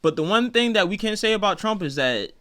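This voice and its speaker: Casual commentary co-host: American man, bright forceful tone, emphatic, repeats himself to drive points home. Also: sits high, animated, brisk. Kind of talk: casual opinionated commentary chat.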